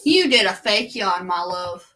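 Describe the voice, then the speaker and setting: A woman, a young mother, chatting casually in a bedroom with a slow, teasing, folksy way of talking. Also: mid-range voice, expressive, pushed and bright. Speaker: mother of the toddler. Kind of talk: casual chat.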